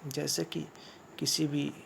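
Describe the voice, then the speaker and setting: A man teaches a grammar class at an unhurried pace, and his voice has a gravelly edge. He asks questions and answers them himself, repeating key points. A faint hiss sits under the recording. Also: a little high, little pitch movement, a bit bright. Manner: slow, repetitive explaining with rhetorical questions. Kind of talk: classroom lesson.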